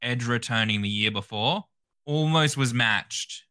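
A man co-hosts a casual podcast chat. His voice is very bright and sharp, at a middle pitch. He speaks in a measured way with dry remarks. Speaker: podcast co-host.

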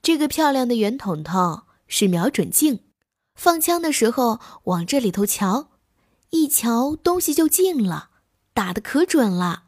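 A woman's voice: a little high, very animated, a little slow, no room sound. Storybook wolf, read by a woman: proud grown male, bossy and boastful, slightly raised voice, dry recording. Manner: show-offy, impatient, lecturing.

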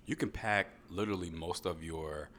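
A man's voice: deep voice, moderate pace, a bit bright, a little hiss or hum. A man co-hosting a casual podcast, joking, cursing freely and cutting in with his own tips. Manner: profane, joking, interjecting. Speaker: podcast co-host. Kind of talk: casual chat.

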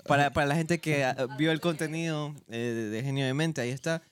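A young man hosts a podcast in a jokey manner, dropping in Mexican slang. His voice is somewhat high, and the recording is close and dry. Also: fairly quick, clear, resonant tone, no echo. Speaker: podcast host. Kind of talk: casual chat.

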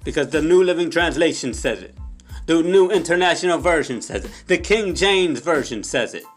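A man preaching an impassioned sermon, emphatic and repetitive, who sometimes slips into soft prayer in Spanish. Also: fairly high pitch, lively intonation, moderate pace, faint music behind.

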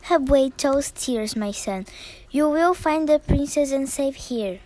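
A woman voicing a hero's gentle mother in a read-aloud storybook. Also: sits high, measured pace. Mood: motherly.

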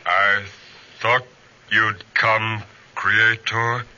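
An actor voicing a lonely, bitter outcast monster, pleading in slow, halting phrases in old radio horror style. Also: male voice, on the low side, flat delivery, background noise. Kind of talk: 1940s radio horror acting. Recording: dull old radio broadcast recording.

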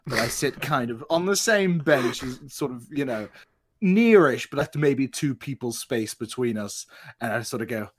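Lively, playful man at a game table. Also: mid-range voice, noisy background. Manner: playful, joking, quick asides. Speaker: player. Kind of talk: casual tabletop role-play.

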